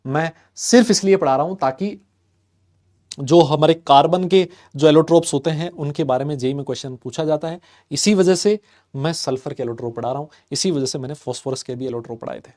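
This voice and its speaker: A young man teaches a chemistry class in a fairly high voice. He teases and scolds his students playfully, then asks and answers their questions himself. When he reads a definition out he slows right down. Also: a little mellow. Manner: slows sharply to read out English definitions. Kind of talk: online exam-prep lecture.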